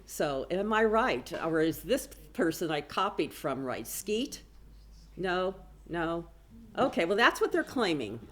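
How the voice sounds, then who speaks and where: A business professor with a low voice presents her slides at an academic conference in a conference room, speaking chattily and adding self-deprecating asides. Her pitch swings widely while her pace stays measured.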